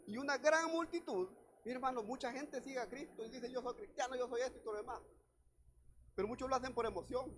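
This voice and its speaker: A man preaching a sermon with a very high voice. He reads scripture aloud, explains it, and keeps calling out to the congregation. There is faint noise in the background. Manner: preaches directly to the congregation, often calling out "hermano". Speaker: pastor.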